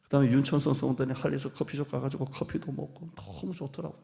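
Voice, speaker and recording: A man pastor preaching a sermon in a lively, playful way, acting out quoted speech and teasing the congregation. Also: mid-range voice, fast talker, vocal fry. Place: church sanctuary. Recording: long hall reverb.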